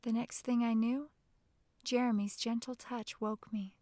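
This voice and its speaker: A woman narrating an audiobook in the first person with a hushed, tense, intimate delivery. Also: on the high side, level tone, unhurried, dry recording.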